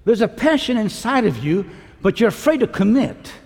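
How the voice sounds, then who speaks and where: Fiery male preacher at a conference, lively high voice, long hall reverb. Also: moderate pace. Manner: animated, swings between shouting and hushed pleading. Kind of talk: conference sermon.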